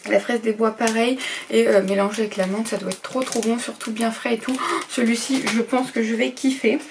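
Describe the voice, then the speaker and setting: A woman's voice: a little high, level tone, fairly quick, gravelly, noisy background. Chatty young woman unboxing, slightly distant mic. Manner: chatty and enthusiastic, with frequent fillers and asides. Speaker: unboxing vlogger. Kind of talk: casual unboxing chat mixed with reading product text aloud.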